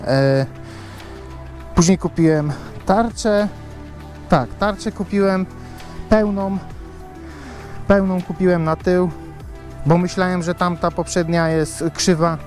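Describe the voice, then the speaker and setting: Faint music plays behind a high-pitched, darkish-toned man who speaks slowly with fairly even intonation and frequent pauses. Vlogging casually to camera about his motorbike, he rambles, swears often, and repeats himself amid many fillers.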